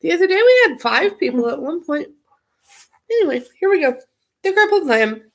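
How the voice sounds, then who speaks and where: A woman's voice: very high-pitched, big pitch swings, moderate pace. A woman reading a children's picture book aloud on a livestream, playful and chatty between pages. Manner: playful, giggly, chatty asides. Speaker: storybook reader, livestream host.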